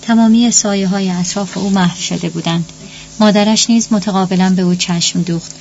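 A woman reads a story aloud at a steady, measured pace. Her voice sits at an average pitch. The recording is a little muffled, with a faint hum underneath. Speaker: narrator. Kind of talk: audiobook narration.

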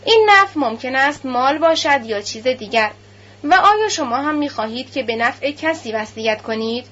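A woman narrating an audiobook in a measured, formal reading. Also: high-pitched, expressive, a bit bright. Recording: slightly muffled lo-fi recording.

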